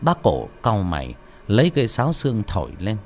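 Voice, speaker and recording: A man narrating a fantasy story in an expressive, dramatic way. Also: lowish voice, a little fast. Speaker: audiobook narrator. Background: faint music.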